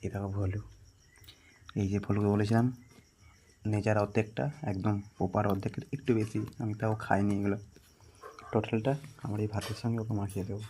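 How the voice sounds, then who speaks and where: Bengali man, low voice, casual home vlogger, shifts between hushed asides and loud calls, faint noise behind. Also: level tone, brisk, long pauses. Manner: chatty, often drops to a hushed murmur, calls out loudly to his dog. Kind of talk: casual home vlog narration. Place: home, indoors.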